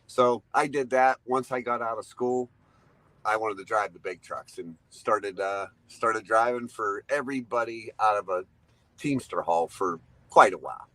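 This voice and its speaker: A man's voice: fairly low pitch, normal speed, pushed and bright, no echo, rough recording. A man in his fifties, a truck driver guest, tells long rambling anecdotes, laughing often and acting out what people said. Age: 50s. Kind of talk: storytelling interview.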